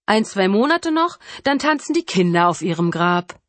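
A woman's voice: mid-range voice, a little fast, no echo, close to an everyday voice. A woman reading an audiobook, voicing a callous male killer who taunts casually and cruelly. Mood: mocking.

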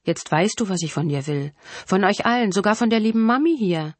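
A woman's voice: mid-range voice, animated, brisk, no room sound, close to an everyday voice. A woman voicing a grown male killer who sneers and taunts, savoring his power, in a dry, close reading. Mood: taunting.

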